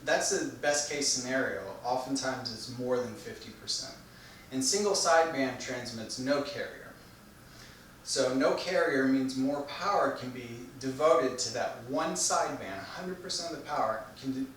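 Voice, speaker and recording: A man delivering an explanatory technical speech in a measured, didactic manner, posing questions and then answering them. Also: mid-range voice, a bit bright. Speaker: presenter giving an informational speech. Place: echoey room, recorded from a distance. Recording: very echoey room, distant mic, faint noise.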